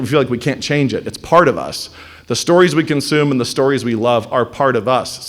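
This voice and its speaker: A man giving a blunt, animated lecture to a live class, sometimes mocking the voices of others. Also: medium pitch. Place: classroom or hall with audience.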